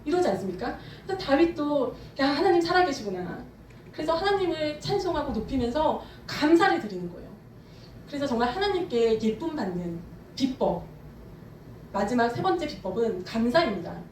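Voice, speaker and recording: A woman pastor preaching a sermon with fervent emphasis, speeding up and slowing down as she drives her points home. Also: sits high, lively intonation, darkish tone, slight background noise. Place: church sanctuary. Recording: echoey church hall, from far off.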